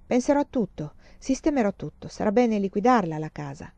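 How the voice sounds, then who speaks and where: Brief: a courteous older suitor in an audiobook, voiced by a woman reader, mellow and slightly dull. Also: medium pitch, sing-song, fairly quick, vocal fry, dry recording. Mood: reassuring. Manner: formal, reassuring.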